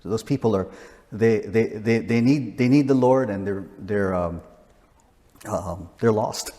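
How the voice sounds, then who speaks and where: Speaking in a big-sounding room, this man in his sixties, a missionary, gives a rambling, casual interview full of restarts and little chuckles. His voice is fairly low, dark in tone, and unhurried.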